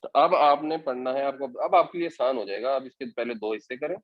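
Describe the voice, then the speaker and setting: A man teaching a scripture commentary class, walking listeners patiently through each point. His voice sits at an everyday middle pitch, and the recording has a slightly dull, lo-fi sound. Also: lively intonation. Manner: patient step-by-step explaining. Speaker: Quran teacher. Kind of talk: Quran commentary lesson.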